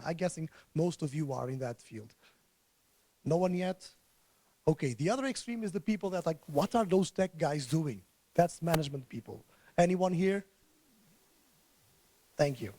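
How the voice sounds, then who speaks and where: A man gives a conference talk to a room of listeners. His voice is hoarse and sits fairly high, and he often stalls and repeats words. The sound is close and dry. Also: animated, dark tone, no room sound. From Portugal. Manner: halting, repeats words as he restarts. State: hoarse, recovering from illness. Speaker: conference speaker. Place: conference room before an audience.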